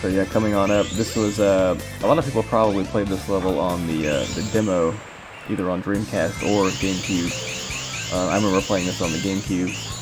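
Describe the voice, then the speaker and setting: A man with a low, steady voice talks a little fast, giving casual, informal speedrun commentary and rambling as he explains the game. His voice-over sits over game footage with game music in the background.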